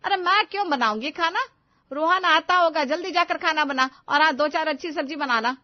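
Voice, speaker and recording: A woman puts on a nagging older mother-in-law from a storybook, bossy and loud, scolding in shrill bursts. The voice sits fairly high. The recording is dull and lo-fi with a dry, close sound. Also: very animated, normal speed, dry recording. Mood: indignant.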